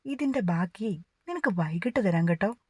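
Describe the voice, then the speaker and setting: An affectionate young husband from a romance audiobook, coaxing his wife in a gentle sing-song, as a female narrator puts him on. The delivery sits at a mid pitch, dry and close to the mic. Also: expressive, moderate pace, breathy edge, no room sound. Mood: tender.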